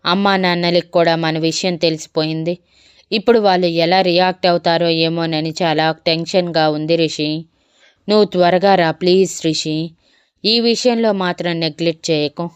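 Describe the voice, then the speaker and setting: A desperate young woman in love pleads through tears, as a woman storyteller reads her. Her voice is low-pitched and very smooth, recorded close and dry in a storybook reading. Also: fairly even intonation, normal speed, no echo, natural voice. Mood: tearful pleading. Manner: crying, pleading.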